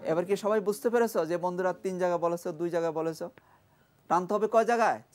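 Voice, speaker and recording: Speaking quickly in a high voice, a Bangladeshi Bengali-accented man runs a studio quiz lesson on Quran reading while a crowd is heard behind him. He tests pupils, commends the right answers, and has them repeat syllables after him.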